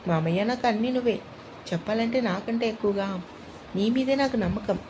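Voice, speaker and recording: A woman's voice: fairly high pitch, a little fast, background noise, close to an everyday voice. A woman voicing an eager young niece who dreams of studying medicine, speaking in a tender, pleading way.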